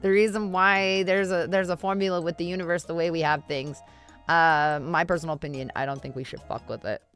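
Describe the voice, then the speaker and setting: A woman's voice: on the low side, fairly even intonation, a bit bright, smooth, faint music behind. A woman livestreamer giving casual, slangy reaction commentary in an informal, exclaiming way. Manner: drawn-out amused exclamations, informal slangy talk. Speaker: streamer reacting to a video.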